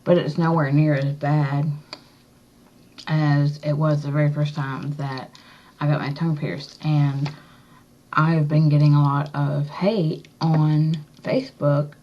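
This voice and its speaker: A woman chatting casually in a rambling, halting, matter-of-fact way, talking with a slightly swollen tongue. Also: sits low, flat delivery, slight background noise. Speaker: vlogger. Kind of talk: casual chat to camera, piercing update. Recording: dull, lo-fi recording.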